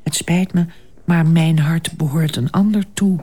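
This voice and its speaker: A narrator voicing a shy, timid young peasant girl in a storybook, who stammers and speaks softly. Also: medium pitch, a little slow, close to an everyday voice.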